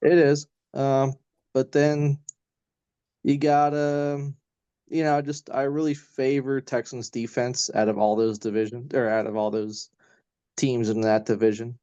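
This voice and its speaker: A man in a casual sports chat, speaking haltingly with many fillers. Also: medium pitch, flat delivery, dark tone, clear, resonant tone, no room sound. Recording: dry, dull lo-fi audio.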